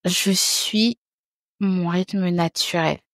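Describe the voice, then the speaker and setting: A woman's voice: lowish voice, fairly even intonation, drawn-out words, a bit bright, no echo, clean studio sound. A woman in her thirties, a podcast guest talking frankly and casually, often repeating words and restarting her sentences. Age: 30s. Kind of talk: casual conversation.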